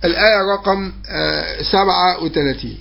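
Man, Egyptian Arabic accent, high voice, dull lo-fi recording, patient call-and-response teaching. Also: creaky. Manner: asks questions, then answers them himself; repetitive, patient explaining with drawn-out fillers. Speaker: Quran memorization teacher. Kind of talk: recorded online course lesson.

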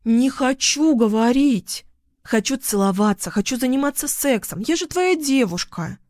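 Guy doing a high shrill unhinged girlfriend voice, clingy and volatile, audiobook. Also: a little slow, no echo, studio quality. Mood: insistent. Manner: shrill, screaming outbursts. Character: unstable, volatile young woman, clingy girlfriend. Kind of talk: audiobook character voice.

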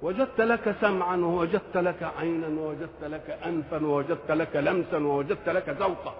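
A man's voice: on the high side, fairly quick, a little hiss or hum. Older Egyptian man lecturing in a hall. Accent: Egyptian Arabic. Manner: rhetorical questions, shifts between formal and colloquial speech. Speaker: Quran commentator. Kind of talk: religious commentary lecture. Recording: dull lo-fi recording in a reverberant hall.

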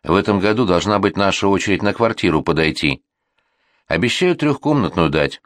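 Audiobook: tired, firm middle-aged dad, read by a man, a bit raised from a low voice, dry close sound. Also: expressive, a little fast, fairly bright tone, no echo. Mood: persuading. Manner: reasoning, tired insistence. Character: exasperated middle-aged father, patient but firm. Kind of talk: audiobook reading.

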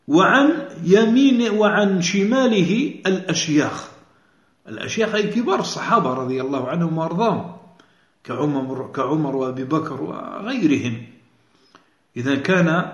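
A man teaching a religious lesson, explaining a text patiently, often repeating key phrases and pausing to rephrase. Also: a little high. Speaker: sheikh teaching a hadith lesson. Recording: echoey room, dull lo-fi sound.

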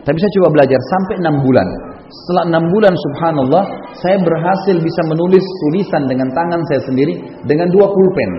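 An Islamic preacher delivers a storytelling sermon, sharing personal anecdotes casually with frequent conversational tags. His voice is fairly high and he talks fast. The sound is dull and lo-fi, echoing in a hall.

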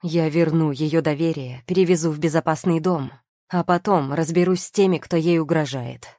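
A woman's voice: low voice, steady tone, moderate pace, warm tone, no room sound, studio quality, natural voice. A woman reading the lines of an angry, passionate young male lord in an audiobook, speaking hard and firm.

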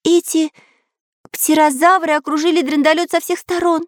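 A woman voicing an excitable boy pencil artist in a very high, piping voice, full of exclamations. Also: moderate pace, dry recording, clean studio sound. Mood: reporting. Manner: eager, exclaiming.

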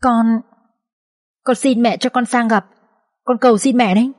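A woman's voice: on the high side, steady tone, moderate pace, a little mellow, voice pushed up, natural voice. A woman voicing a young wife who pleads with her unconscious husband in a tearful, choked voice. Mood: tearful, pleading.

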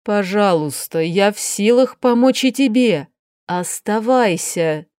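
An aristocratic aunt of a duchess, weary and imperious, her lines dragged out in exasperation, as a woman narrator voices her. The tone is smooth and resonant. It sounds dry, with no room echo. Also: medium pitch, lively intonation, takes it slowly, darkish tone. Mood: pleading. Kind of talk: audiobook character voice.

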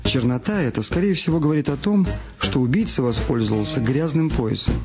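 A man narrates a detective story for a scripted radio drama, with background music playing under his voice. His mid-range delivery is brisk with lively intonation.

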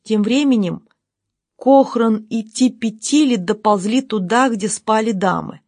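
Female audiobook narrator, fairly high voice, measured, dry close sound. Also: a little mellow, dry recording.

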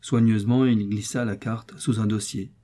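A male narrator reading a classic novel in a measured, sombre way. His tone is dark and mellow with a husky edge. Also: on the low side, fairly even intonation. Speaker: audiobook narrator. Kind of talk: scripted literary narration.

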